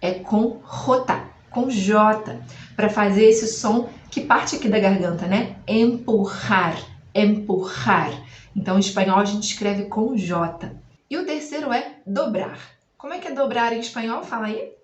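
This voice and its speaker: A woman's voice: medium pitch, highs cut off, a little hiss or hum. Spanish teacher woman in an echoey room. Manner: asks the viewer questions, then repeats words slowly and clearly. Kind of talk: language lesson to camera.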